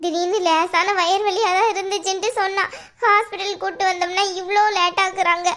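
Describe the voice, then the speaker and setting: Cartoon drama: a woman as a quarrelsome young woman, high-pitched and cutting. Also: steady tone, brisk, fairly bright tone. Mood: anxious. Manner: scornful, quarrelsome. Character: sharp-tongued young woman accusing her in-law. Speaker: cartoon voice actor. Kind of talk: Tamil cartoon drama dialogue.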